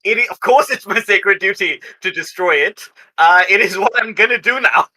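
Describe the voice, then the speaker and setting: A man with a high-pitched, bright, forceful voice plays a tabletop roleplaying game, talking through his moves casually yet in deliberate, somewhat formal phrasing. The audio is poor.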